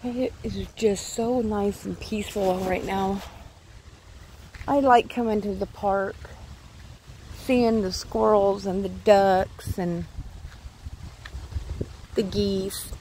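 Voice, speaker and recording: Holding her phone while filming a walking vlog in a creekside park, a Californian woman rambles chattily and coos at the animals she passes. Her voice is warm and medium-pitched, with fairly even intonation, a slow pace and frequent pauses. The recording is low quality, with faint outdoor background noise.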